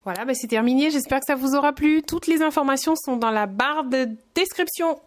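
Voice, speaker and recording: A beauty vlogger with a high-sitting voice talks a little fast in a casual tutorial voice-over. She addresses her viewers in a friendly way while sounding hesitant, restarting often and leaning on fillers.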